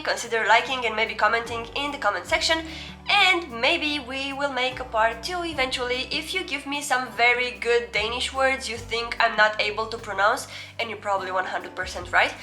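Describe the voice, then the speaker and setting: A woman's voice: high-pitched, pushed and bright. A young woman from Romania with a Romanian accent gives a casual, chatty, self-deprecating language lesson, sounding out foreign words as examples. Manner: reads out foreign words slowly as examples between explanations. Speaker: video host.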